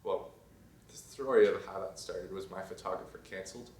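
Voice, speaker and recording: Young man, casual vlog chat, rambling, quiet asides, roomy echo, faint background hum. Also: deep voice, fairly even intonation, moderate pace, distant mic. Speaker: fashion design student vlogger. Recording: roomy sound from off mic, faint ambience.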